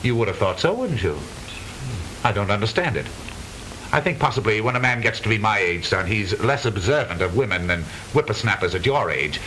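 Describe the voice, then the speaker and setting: An actor playing a blustering, easily flustered middle-aged father in stagey 1920s comedy film style, halting and repeating himself. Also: fairly low pitch, lively intonation, fairly bright tone, poor audio. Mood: sheepish, flustered. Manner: stagey old movie actor delivery, blustering, halting repetitions. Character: blustering, lonesome widowed father, flustered businessman. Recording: hissy 1920s film soundtrack.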